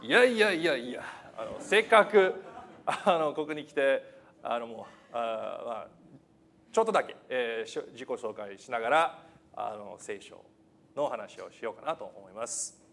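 A man giving a church sermon in Japanese, which is not his first language. He talks haltingly, fills pauses constantly and jokes about himself as he speaks. His voice sits in an ordinary middle pitch. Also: expressive, creaky, fairly bright tone, a little hiss or hum. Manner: halting, many fillers, self-deprecating humor. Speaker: preacher.

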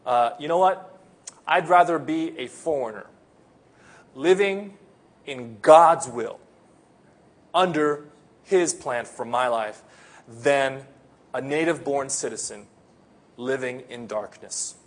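A pastor from the Philippines who grew up in America speaks with an American accent and a mid-range voice. He preaches an earnest sermon, slowing down to stress key phrases.

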